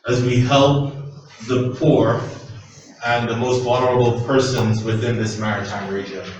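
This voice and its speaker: A man giving a formal public address as a visiting official, in short, deliberate segments. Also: medium pitch, fairly even intonation, a little mellow. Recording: echoey, distant, noisy public address.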